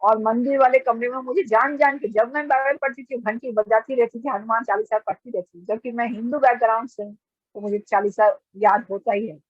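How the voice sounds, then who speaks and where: A woman's voice: fairly high pitch, steady tone, fairly quick, breathy edge, dry recording. A middle-aged woman from giving an earnest personal testimony in a storytelling way, often restarting her sentences. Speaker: testimony speaker. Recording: dull lo-fi recording.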